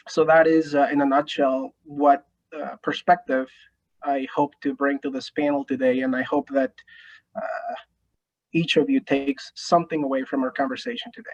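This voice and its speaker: A man's voice: medium pitch, fairly even intonation, moderate pace, lo-fi sound. A man in his thirties, a native Spanish speaker from Mexico with a Mexican Spanish accent, introducing himself in a friendly way as a panelist, with frequent restarts. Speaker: attorney, panelist.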